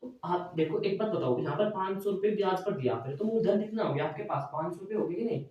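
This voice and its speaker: A male math teacher lecturing in a classroom style, asking his students questions and answering them himself, often checking with a quick "okay". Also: high-pitched, expressive, highs cut off. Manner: repeats "theek hai" as a check. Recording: very echoey room, mic far away.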